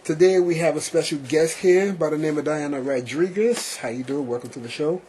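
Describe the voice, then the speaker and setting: A man hosting a talk show, asking long-winded questions he keeps rephrasing and answering with steady okays and yeses. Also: on the high side, a little fast, slight background noise. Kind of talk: casual interview.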